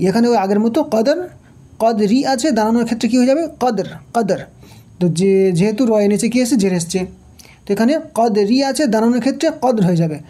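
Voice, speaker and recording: A woman's voice: medium pitch, warm tone. A woman teaching Quran reading, patiently spelling out each syllable and asking questions as she goes. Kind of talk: slow spelled-out recitation lesson.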